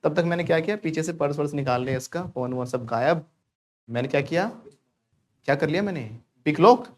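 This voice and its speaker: In a fairly high pitch and at a brisk clip, an Indian man leads a spoken English class conducted in Hindi. He jokes with the students and pushes them to repeat English phrases after him.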